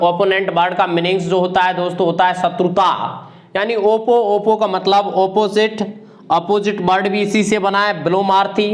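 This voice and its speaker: Repetitive Indian male English tutor, high voice. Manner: repetitive, drills each word and meaning. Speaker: English teacher. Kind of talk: exam-prep vocabulary lesson.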